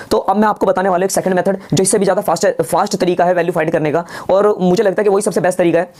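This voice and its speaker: A man teaching a math lesson online, often asking the listeners quick questions that he answers himself and calling them guys. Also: high-pitched, mellow. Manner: rapid, quizzes listeners with rhetorical questions.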